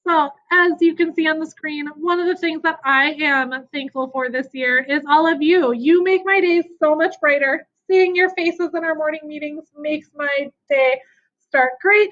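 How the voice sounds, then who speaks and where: High-voiced encouraging woman teacher online. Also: a bit bright. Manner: upbeat, encouraging, speaks to children. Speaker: elementary school teacher. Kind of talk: online class lesson. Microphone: video call. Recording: dull lo-fi video call audio.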